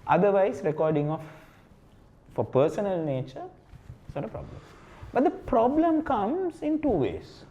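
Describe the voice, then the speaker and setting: A man's voice: high-pitched, big pitch swings, normal speed, mellow, highs cut off. A man with a Sri Lankan accent, a lawyer explaining points and telling anecdotes as an interview guest, with emphatic phrasing.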